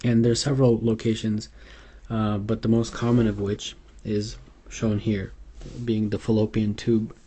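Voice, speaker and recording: A man's voice: fairly low pitch, flat delivery, normal speed, dark tone. A man giving an unscripted medical exam tutorial over slides, hesitant and full of fillers and restarts. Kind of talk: unscripted instructional lecture.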